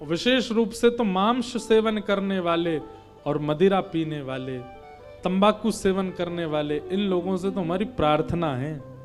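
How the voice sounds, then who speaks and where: A man's voice: high voice, measured pace. A man giving a devotional sermon as a preacher, emphatic and rising into fervent appeals. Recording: faint instrumental music behind.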